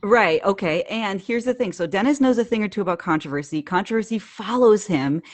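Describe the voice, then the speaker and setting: A woman co-hosting a live chat show, animated and teasing, cutting in often. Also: mid-range voice, brisk. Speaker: co-host.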